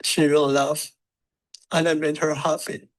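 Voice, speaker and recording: A man who cared for the departed, giving a halting memorial eulogy in a chapel and often repeating his words. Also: a little high, level tone, poor audio.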